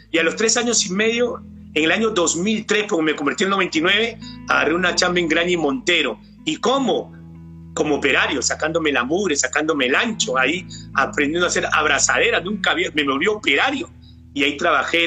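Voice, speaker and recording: Earnest Peruvian man with a bright voice. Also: fairly high pitch. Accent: Peruvian Spanish. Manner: earnest, keeps addressing the pastor. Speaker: church cell leader giving testimony. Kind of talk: personal faith testimony. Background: soft guitar music.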